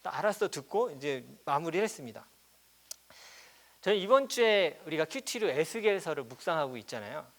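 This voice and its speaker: A man's voice: fairly high pitch, very animated, normal speed. A middle-aged man preaching a sermon as pastor, telling a family story and acting out his children's quarrel in quoted voices. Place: church.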